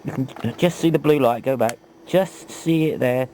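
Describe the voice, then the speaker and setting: A man presents a casual, hands-on hobby tutorial on video in a mellow, mid-range voice at a moderate pace, frequently asking rhetorical questions. The homemade recording is low quality with a faint hum of background noise.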